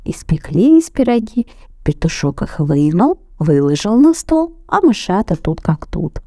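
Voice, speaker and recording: A woman reads a children's fairy tale aloud in an expressive storyteller's voice. Her pitch rises and falls in a lively, singsong way, while her tone stays mellow and soft. The recording is dry and close. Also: measured pace, no echo. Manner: expressive, animated.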